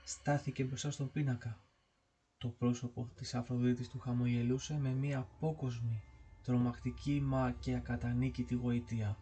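A man narrating a ghost story from a book, reading in a steady, measured way. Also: medium pitch, slight background noise. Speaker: audiobook narrator.

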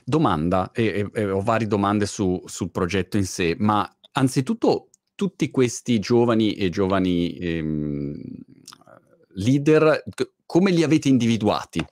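Male interviewer, casual and informal, highly varied pitch, builds questions loosely with repeated words. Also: lively intonation, unhurried, dry recording, studio quality. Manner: informal, feeling his way through questions with repeats. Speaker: interviewer, host.

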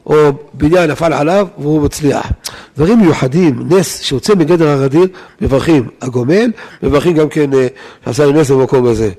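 Man giving a lively Torah lesson. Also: on the high side. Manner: lively, rhetorical questions to listeners. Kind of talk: weekly Torah lesson to a live audience.

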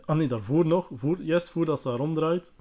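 A man's voice: fairly high pitch, normal speed, warm tone. Chatty man with many fillers. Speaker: podcast host. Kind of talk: casual retelling of a book.

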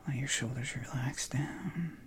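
A man leading a guided contemplative prayer session, talking softly in a hushed whisper with long pauses and relaxed, informal asides. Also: medium pitch. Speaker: prayer leader.

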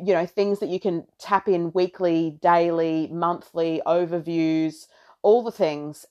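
Casting: woman, slightly low-pitched, effusive astrology host speaking off the cuff in rambling, intimate chat to followers. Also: warm tone. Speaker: astrology podcaster and content creator. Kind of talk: casual spiritual monologue to followers. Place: bedroom, sitting on a bed.

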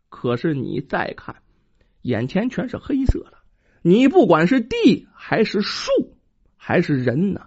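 Lively husky storyteller on lo-fi tape. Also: medium pitch. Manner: lively, dramatic, with sound effects. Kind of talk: traditional oral storytelling. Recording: dull lo-fi recording.

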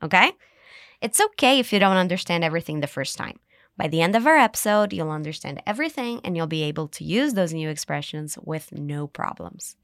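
A woman hosting an English lesson podcast, cheerful, modeling phrases slowly for listeners to repeat. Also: low-pitched, animated, fairly bright tone, no room sound, clean studio sound. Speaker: English teacher and podcast host. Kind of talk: scripted language lesson.

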